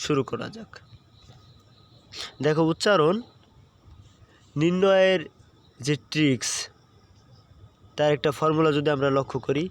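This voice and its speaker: Male tutor, patient teaching tone. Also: a little high. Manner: patient, repeats points, frequent "হ্যাঁ" checks. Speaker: admission tutor. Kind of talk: online exam-prep lesson.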